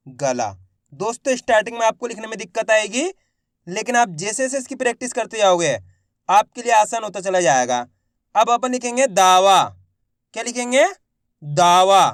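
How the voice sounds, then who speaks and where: A man teaching beginners to spell Hindi words, sounding each one out slowly and repeating his own questions before answering them. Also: high voice, clean tone, no echo, clean studio sound. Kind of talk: patient spelling lesson for beginners.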